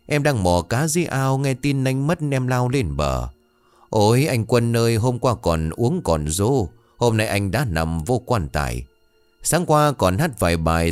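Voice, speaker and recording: A man voicing a young village man who wails a hired funeral lament in a drawn-out, sing-song way, in a storybook tale. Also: sits low.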